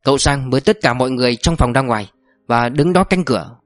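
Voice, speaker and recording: A man voicing a calm, authoritative older manager who gives firm orders. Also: mid-range voice, quick pace, no room sound, clean studio sound, faint music behind, lightly acted. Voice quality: firm, commanding.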